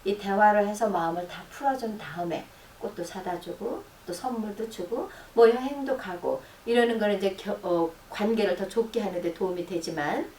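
Distant, roomy-sounding female psychologist. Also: normal speed. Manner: explanatory, acts out sample dialogue in a soft low voice. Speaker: counseling psychologist giving advice. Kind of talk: radio advice talk. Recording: roomy, distant, faint noise.

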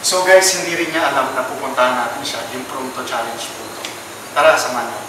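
A man's voice: medium pitch, quick pace. A man in his twenties with a Filipino accent, casually hosting a challenge vlog. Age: 20s. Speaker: vlog host. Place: ship cabins and corridors. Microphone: camera a few feet away. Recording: echoey, distant camera mic, background noise.

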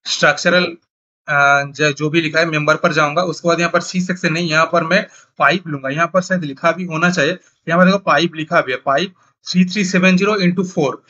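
A young man from India giving a casual screen-recorded software tutorial, talking his steps aloud and correcting himself as he goes. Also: on the high side, fairly even intonation, brisk, no room sound, muffled recording. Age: young adult. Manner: thinks aloud, self-correcting, casual instructions. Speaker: CAD tutorial instructor.

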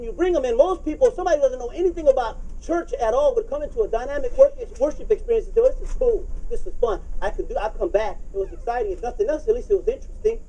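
A middle-aged man preaching a sermon in a conversational but hyped, restless, over-caffeinated way, with a husky voice and phrases repeated for emphasis. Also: very high voice, mellow, poor audio. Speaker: pastor preaching. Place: church auditorium, speaking from the stage to a congregation.

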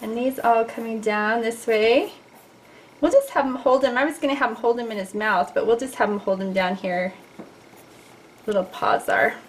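A woman's voice: a little high, moderate pace, a little hiss or hum. Chatty woman teaching a sketch. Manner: chatty and playful, talks to viewers while sketching. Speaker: art teacher. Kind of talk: casual drawing tutorial. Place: at a drawing desk indoors.

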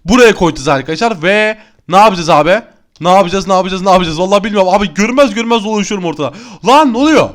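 A young man with a high, bright voice narrates his Minecraft game for his channel. He is excitable and easily exasperated, and he keeps turning to his viewers like friends. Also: rapid-fire. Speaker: gaming YouTuber. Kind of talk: Minecraft let's-play commentary.

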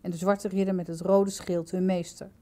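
Woman voicing an earnest young male traveller, mellow and respectful. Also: on the low side, level tone, moderate pace, lightly acted. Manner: respectful, keeps answering "yes, sir".

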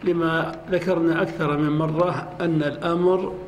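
A man, a sheikh, giving a classroom lecture in a mosque, speaking in a measured way and repeating examples slowly. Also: fairly high pitch, steady tone. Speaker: sheikh teaching a lesson. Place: large mosque hall. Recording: long hall reverb with faint noise.

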